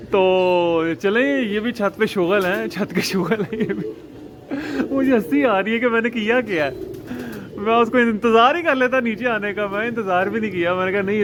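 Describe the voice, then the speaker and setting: A chatty man talks excitably in a high voice, laughing at his own mishaps. He is recorded outdoors on a rooftop, close to a handheld phone. Loud outdoor noise and cooing pigeons sit under his voice. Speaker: pigeon keeper vlogger. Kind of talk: casual rooftop vlog.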